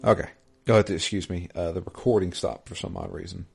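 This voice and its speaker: Casual podcast co-host, man, lowish voice, rambling self-corrections. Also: fairly even intonation, fast talker, creaky, a little mellow, husky, soft background music. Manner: rambling, self-correcting, reads listener email aloud. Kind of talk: casual gaming podcast chat.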